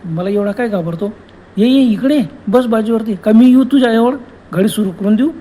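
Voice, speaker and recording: A man's voice: high voice, moderate pace, dark tone, pitched above the performer's own voice. A man doing a coaxing female ghost. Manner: coaxing, wheedling calls. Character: teasing female ghost, coaxing, cheerful and eerie.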